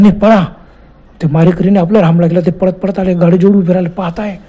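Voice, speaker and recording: Animated man telling a horror story. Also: high voice. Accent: Marathi. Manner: animated, exclaiming and acting out dialogue. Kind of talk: dramatic horror story narration.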